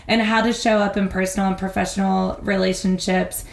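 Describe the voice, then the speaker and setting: An animated woman co-hosting a casual podcast, talking at a middle pitch and slipping into quick voices to act out scenes. The room around her voice is roomy and echoey. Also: gravelly. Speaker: podcast co-host. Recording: roomy echo.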